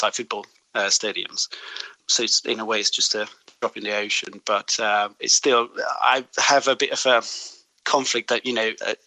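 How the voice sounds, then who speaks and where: A man's voice: mid-range voice, bright, forceful tone, no room sound, low-quality recording. A man in his forties from Hungary, a native Hungarian speaker, talking reflectively in an interview with frequent hesitations. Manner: reflective, hesitant with many fillers. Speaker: guest photographer. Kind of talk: recorded interview clip.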